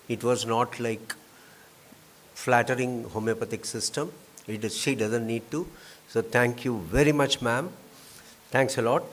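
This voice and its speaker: A man with an Indian accent and a mid-range, slightly bright voice serves as master of ceremonies in a convention auditorium, making courteous, effusive formal announcements with informal asides. It's a live hall PA recording with faint background ambience and a little hiss or hum.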